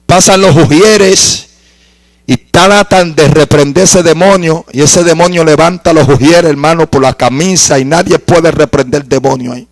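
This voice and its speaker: Man, pastor, sermon, dramatic storytelling, high voice, dry sound. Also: normal speed, dry recording, poor audio. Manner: dramatic storytelling, rising to shouted praise.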